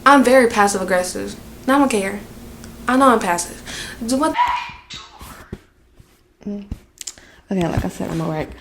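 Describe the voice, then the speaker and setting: Over a noisy background, a young woman with a Southern American accent tells a rambling storytime vlog at her workplace, venting with many fillers. She speaks at normal speed in a mid-range voice with vocal fry and long pauses.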